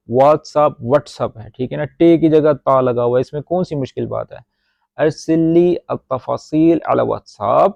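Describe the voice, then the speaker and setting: A man with a Pakistani accent teaching spoken Arabic in a casual Urdu lesson, explaining slowly and repeating words with chatty asides. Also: mid-range voice, gravelly, a little mellow, no room sound. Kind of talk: informal language lesson.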